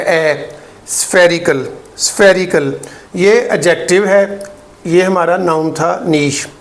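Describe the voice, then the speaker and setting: A man from Pakistan with a Pakistani Urdu accent, teaching English pronunciation and slowly repeating each word for practice. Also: high voice. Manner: slow, deliberate, repeats words for drill; explains patiently, checks in with "ठीक है". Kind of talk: pronunciation lesson.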